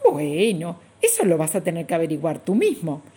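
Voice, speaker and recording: A woman voicing a friendly grasshopper in a storybook tale, speaking briskly and soothingly. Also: deep voice, sing-song, dark tone, breathy edge, heavily acted. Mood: consoling.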